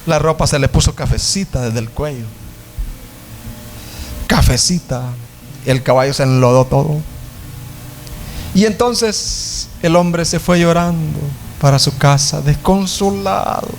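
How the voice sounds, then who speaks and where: A male pastor with a Salvadoran Spanish accent, preaching and telling a story, stretching out key words for emphasis. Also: fairly high pitch. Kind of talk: sermon with storytelling.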